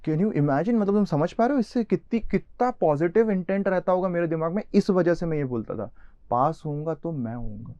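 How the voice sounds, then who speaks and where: A young man with an Indian accent and a slightly high, dark-toned voice teaches a live online lecture in an animated, fairly fast way. He chats directly with his students and mixes in English terms. The dry recording sounds slightly dull and lo-fi.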